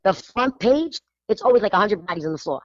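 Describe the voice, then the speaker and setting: A woman from Spanish Harlem, hosting a radio show in animated, emphatic casual chat. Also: medium pitch, fairly quick, no echo, dull audio. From New York (Spanish Harlem). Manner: animated, emphatic, lots of "you know".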